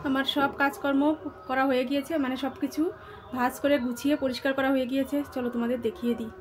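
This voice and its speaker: A woman's voice: high voice, level tone, quick pace, slight background noise. A woman vlogger chatting casually as she shows viewers around her small tin-roofed home and tidies it up. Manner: drops to a hushed voice while the children sleep. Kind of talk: casual home vlog narration.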